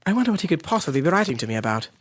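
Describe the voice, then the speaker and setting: An actor playing a genial, loyal Victorian gentleman doctor in an audio drama, speaking politely and in measured phrases. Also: fairly high pitch, big pitch swings. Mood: reflective.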